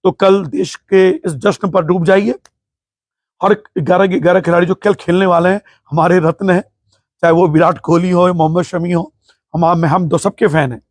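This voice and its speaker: A man with a high-pitched voice talks cricket in a passionate, emphatic monologue, hosting his own show. The sound is dry and close, with no room echo. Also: fairly even intonation, moderate pace. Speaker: host of a cricket talk show. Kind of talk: opinionated cricket commentary monologue.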